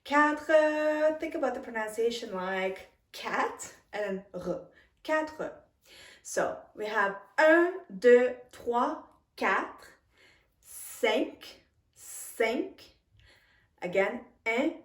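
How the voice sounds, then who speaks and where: A woman's voice: fairly high pitch, expressive, very slow, pauses often. A woman teaching a language lesson, speaking patiently, repeating each word and chuckling now and then. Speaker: French teacher. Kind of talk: slow, careful language lesson. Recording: roomy echo, a little far from the mic.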